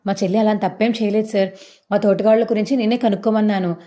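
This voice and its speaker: Anxious older sister, voiced by a woman, apologetic, rapid talk, mellow dark voice. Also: medium pitch, steady tone, close to an everyday voice.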